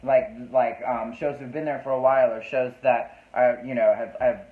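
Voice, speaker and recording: A man's voice: medium pitch, steady tone, moderate pace, roomy sound, phone-quality sound. A man hosting a casual live-stream chat, flamboyant and talkative, reading out viewer comments. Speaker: host. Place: New York City.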